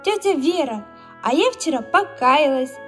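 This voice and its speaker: A woman voicing an emotional, quick-tempered little girl in a children's storybook reading. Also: high voice, lively intonation, soft background music. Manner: emotional, exclaiming, tearful.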